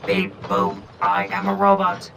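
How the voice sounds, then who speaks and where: A man voicing an excitable talking engine in costume, putting on a stiff, clipped mock robot voice. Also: sits high, a little slow, creaky, background noise, voice pushed up, exaggerated voice. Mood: mock robotic.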